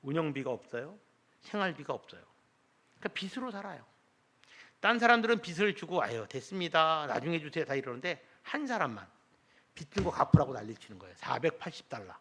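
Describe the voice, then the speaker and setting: A man's voice: on the high side, big pitch swings, fast talker, fairly bright tone, husky. A middle-aged man preaching a Sunday sermon as pastor, telling a story and acting out its dialogue. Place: church sanctuary.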